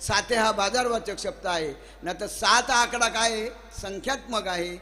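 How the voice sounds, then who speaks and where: A man preaching a devotional sermon to a live audience. He tells stories, asks the listeners questions and chants verses slowly. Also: high voice, sharp tone. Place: gathering hall with a live audience. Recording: long reverb of a hall.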